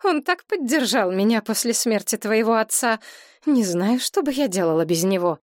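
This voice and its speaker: Give me a woman doing a shrill, pleading widowed mother. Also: lively intonation, moderate pace, no echo, clean studio sound, natural voice. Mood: upset. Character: anxious, easily upset widowed mother. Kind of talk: audiobook character reading.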